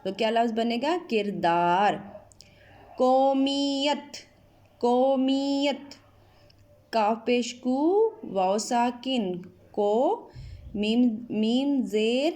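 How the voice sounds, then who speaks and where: Woman, Pakistani teacher, online lesson, slow careful word spelling, fairly high voice. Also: lively intonation, warm tone. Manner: slow, drawn-out spelling of words. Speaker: school teacher.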